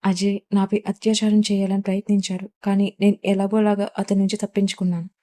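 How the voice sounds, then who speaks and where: A woman's voice: mid-range voice, little pitch movement, fast talker, dark tone, natural voice. A woman reading the lines of a scheming young stepsister in a taunting, accusing way.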